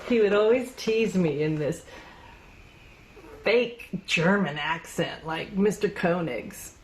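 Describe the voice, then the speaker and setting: A woman delivers a theatrical monologue, reminiscing wistfully about the past. She drops into gossipy, animated asides along the way. Her voice is low and her pacing unhurried. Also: a little hiss or hum. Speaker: stage performer.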